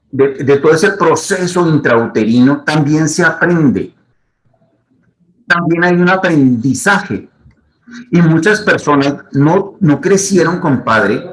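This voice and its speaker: Didactic man, slightly high voice. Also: low-quality recording. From Colombia. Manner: didactic, repeats key points. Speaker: psychologist. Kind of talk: advice talk to camera.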